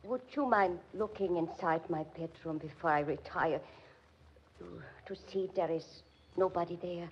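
Lowish and female, this voice belongs to an actress portraying a nervous, gentle German immigrant widow for a 1940s radio play, delivered with light acting. She pleads in formal, faltering phrases with a German accent, and the muffled vintage broadcast carries a little hiss or hum.

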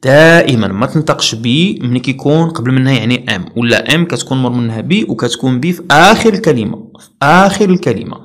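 A young man with a Moroccan accent teaching English pronunciation, explaining rules in Darija and reading English rules slowly and carefully. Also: mid-range voice, lively intonation, a bit bright. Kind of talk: pronunciation lesson.

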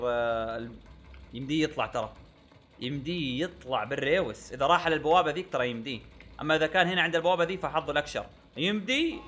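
Bright, animated young gamer. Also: male voice, on the high side. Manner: exasperated, repeating himself, swearing oaths. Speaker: gaming YouTuber. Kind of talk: live gameplay commentary.

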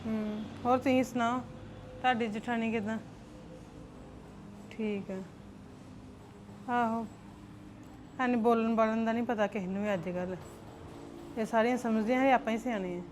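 A woman's voice: a little high, steady tone, normal speed, long pauses, a little mellow, slight background noise, natural voice. A woman playing a chatty, defensive elder sister-in-law in a family drama.

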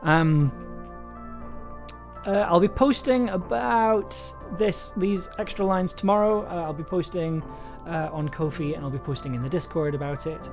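A young adult audio drama maker thinks aloud on a casual livestream from his desk in a small room, tired, hesitant and self-interrupting. His rather high voice is unhurried, with soft music in the background.

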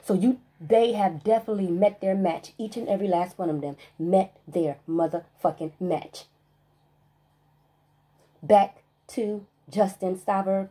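With a warm, lowish voice, a female vlogger rants about spirituality in a monologue. It's profane and forceful, with lone words stressed and long silences in between.

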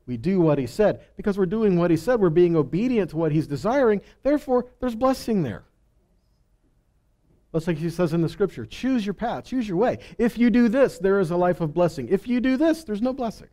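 A pastor in his thirties gives a sermon teaching on a small indoor stage, gesturing and reading scripture aloud into a headset mic. His voice is high-pitched with a warm tone.

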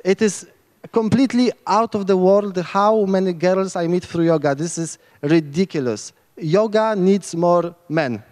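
An unhurried, high, slightly mellow male voice fills a large hall. The speaker, a man from Poland in his thirties, rambles with enthusiasm and frequent restarts as he gives an informal lightning talk into a handheld mic on a hacker camp's large tent stage.

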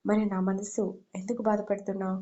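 A woman's voice: medium pitch, little pitch movement, a little fast, dark tone, lo-fi sound, lightly acted. A woman reading the part of a heartbroken young woman who reproaches her lover in an emotional way. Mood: tearful.

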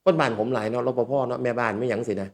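A man's voice: medium pitch, racing. A man, hosting a casual storytelling talk and acting out the voices of people he quotes. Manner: lively, acts out quoted voices. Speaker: speaker and talk show host.

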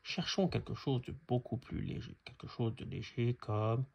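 A man voicing a kind, patient male cricket in a storybook, talking in an encouraging way with a gravelly, husky voice. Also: medium pitch, steady tone, normal speed, highs cut off, a little hiss or hum, natural voice. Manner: warm, encouraging.

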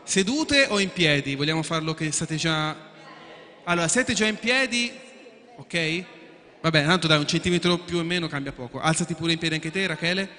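Animated and pushed, his bright voice on the high side, a quiz show host walks contestants through the rules at a moderate pace. He talks casually, repeats and restarts, and keeps asking if everyone agrees, the sound echoing in the event hall.

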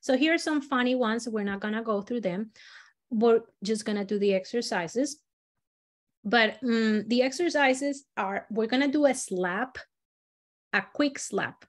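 A woman with a slightly high voice leads a storytelling workshop. She is from Latin America and explains each exercise in a lively, demonstrative way, moving her pitch and loudness around as she models voices for her students. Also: unhurried. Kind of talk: teaching a live workshop.

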